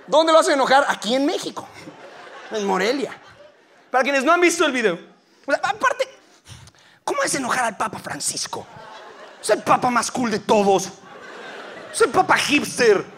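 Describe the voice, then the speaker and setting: A male stand-up comedian with a Mexican accent, delivering an animated, slangy live set on stage. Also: extremely high pitch, moderate pace, pauses often, a faint crowd, a little hiss or hum. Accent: Mexican Spanish. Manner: animated, slangy, acting out voices.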